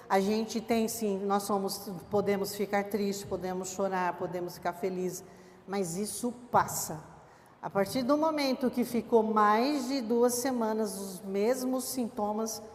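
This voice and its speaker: A woman's voice: medium pitch, slight background noise. A woman giving a conversational church teaching talk, acting out what people say to her. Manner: conversational, acts out quoted people. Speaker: church speaker on emotional health. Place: church hall. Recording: long church hall reverb.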